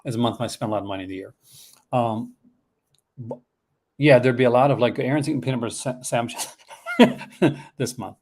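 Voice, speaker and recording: A man with a Newfoundland Canadian accent hosting a casual horror collecting chat in an excitable, rambling, chuckle-prone way. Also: mid-range voice, normal speed, long pauses, a little hiss or hum. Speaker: horror movie collecting channel host.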